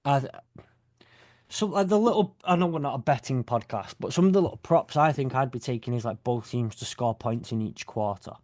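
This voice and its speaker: Rambling, jokey British podcast host. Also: male voice, medium pitch, brisk, a little mellow, no room sound, studio quality. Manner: rambling, jokey, self-correcting. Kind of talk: casual chat.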